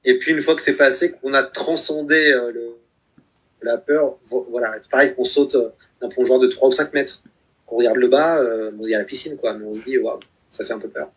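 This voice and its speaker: A man's voice: medium pitch, fairly quick, husky. A man in his thirties talking reflectively in a conversation, with many hesitations and restarts. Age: 30s. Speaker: guest, author of a book project.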